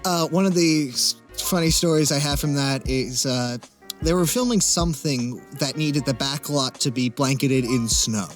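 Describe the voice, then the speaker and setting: A young male voice actor, medium-pitched, answers casually as an interview guest. He's articulate, with wry humor and thoughtful pauses, and music plays in the background.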